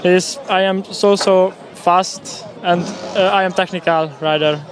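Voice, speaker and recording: A man from Hungary with a Hungarian accent, answering in halting English after a race, outdoors at the finish. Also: high-pitched, fairly even intonation, faint music behind. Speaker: race winner.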